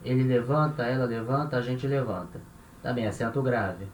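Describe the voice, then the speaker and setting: A man's voice: medium pitch, normal speed. A man with a Brazilian Portuguese accent, teaching a lesson and patiently repeating and spelling out each example. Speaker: language teacher. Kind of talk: explaining French grammar in Portuguese. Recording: echoey room with faint noise.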